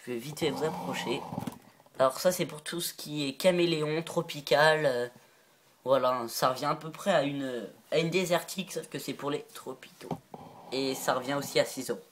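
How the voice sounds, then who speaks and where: A man's voice: on the high side, moderate pace, background noise. A man making a casual show-and-tell vlog about reptile lamps. He rambles, giggles often and admits when he is unsure. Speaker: reptile-keeping video maker.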